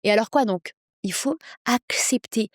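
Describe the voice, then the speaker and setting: A woman in her thirties, an English coach, speaking persuasively as a podcast guest, with energetic quick bursts. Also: fairly high pitch, dry recording, clean studio sound. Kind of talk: podcast interview.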